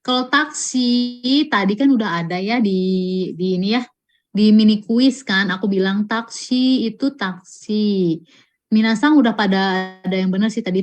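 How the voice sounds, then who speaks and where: A woman teaching a live online Japanese class, reading out student answers and stretching example words out slowly and patiently. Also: medium pitch. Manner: slow, patient, drawn-out pronunciation of example words.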